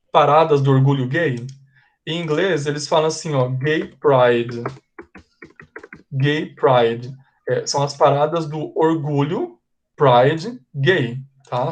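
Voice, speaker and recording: A man teaching English to a class, explaining patiently and slowly repeating example sentences. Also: on the high side. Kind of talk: live online class.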